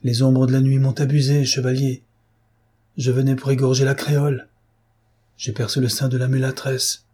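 Storybook figure: a male reader doing a grim old Spanish noble, husky and dark, bitter, vengeful. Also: mid-range voice, completely flat delivery, moderate pace, natural voice. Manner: brooding, bitter, declamatory. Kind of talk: audiobook reading.

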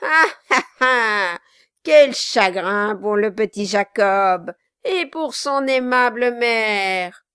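A woman's voice: medium pitch, slow pace, smooth, dry recording, clean studio sound, close to an everyday voice. A woman voicing a hideous, gleeful dwarf man who jeers and cackles with mocking laughter. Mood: jeering glee. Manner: shrieking, jeering with cackling laughs.

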